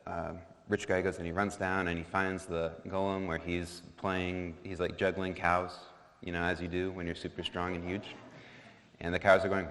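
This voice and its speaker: A man with a very low voice tells a story to a congregation in a chatty, joking manner, full of asides and fillers. The long reverb of a church sanctuary hangs behind his words. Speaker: storyteller at a worship service.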